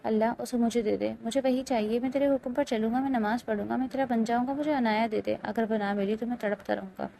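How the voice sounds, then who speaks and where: A woman's voice: on the high side, steady tone, gravelly, hardly any pauses, warm tone, slight background noise. A woman voicing a young male police officer who pleads in prayer and later speaks bluntly and firmly, read in a storybook style. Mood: pleading. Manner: pleading, then blunt and firm.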